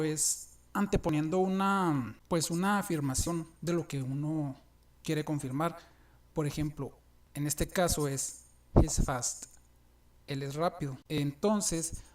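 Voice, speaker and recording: A man teaching an English grammar lesson, explaining each example slowly and deliberately. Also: on the high side, a little mellow. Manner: slow, deliberate explanations with frequent restarts.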